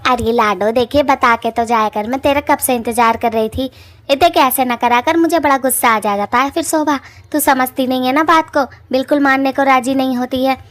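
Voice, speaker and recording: A woman's voice: sits high, moderate pace, fairly bright tone. A woman voicing a fierce witch mother who scolds and protects her only daughter, in a cartoon. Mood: fussing. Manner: rustic, hot-tempered, threatening.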